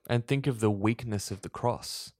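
Earnest low-voiced man preaching on a podcast. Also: moderate pace, a little mellow, dry recording, studio quality. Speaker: podcast co-host. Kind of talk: faith discussion podcast.

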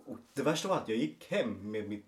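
A young man co-hosting a casual podcast, telling relaxed, self-mocking anecdotes. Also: medium pitch. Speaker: podcast co-host. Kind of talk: casual chat.

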